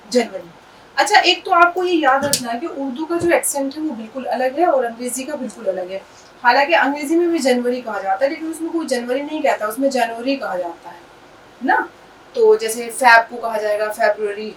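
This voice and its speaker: A woman teaching an Urdu lesson, patiently explaining and spelling words out letter by letter. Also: high voice. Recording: distant mic with faint background noise.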